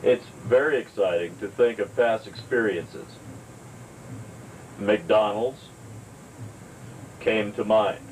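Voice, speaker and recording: A young man giving a deadpan, mock-serious self-help lesson to a home video camera in a motel room. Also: on the low side, takes it slowly, long pauses. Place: motel room while out of town. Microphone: camcorder mic from across the room. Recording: distant camcorder audio, air conditioner hum.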